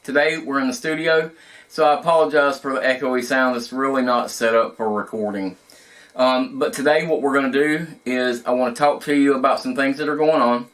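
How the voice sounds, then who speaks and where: A man's voice: mid-range voice, a bit bright. A middle-aged man hosting his own prepping channel, talking in a plain-spoken, earnest, conversational way in an echoey studio room. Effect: echoey room sound. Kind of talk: casual talk to camera. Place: echoey studio room not set up for recording.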